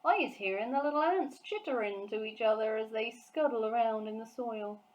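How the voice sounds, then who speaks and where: A woman's voice: a little high, moderate pace, pitched above the performer's own voice, lightly acted, rough recording. A woman voicing a big, friendly male giant from a children's storybook, earnest and emphatic, full of childlike wonder, speaking in quaint muddled grammar. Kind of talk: acted children's storybook dialogue.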